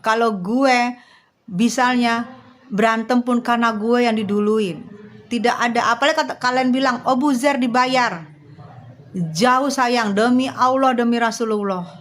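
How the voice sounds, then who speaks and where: A woman's voice: on the high side, a little hiss or hum. A woman, livestreaming and talking bluntly and directly to her viewers. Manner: blunt, slangy, speaks straight to her viewers. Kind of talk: live stream chat.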